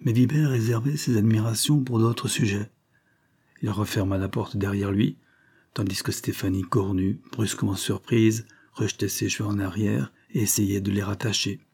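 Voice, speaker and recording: A male audiobook narrator reads a classic novel in a measured, literary manner. His voice sits low, with a mellow, slightly husky tone. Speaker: audiobook reader.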